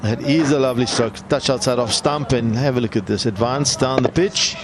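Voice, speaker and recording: A man's voice: mid-range voice, a little fast, crowd noise. A man commentating on cricket, explaining the play in a conversational way. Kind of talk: live sports commentary and replay analysis. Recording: loud outdoor and vehicle noise.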